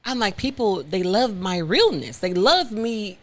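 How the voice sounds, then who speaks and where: A woman from Detroit, a content creator, telling her story in a frank, animated interview chat. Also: mid-range voice, unhurried. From Detroit, Michigan.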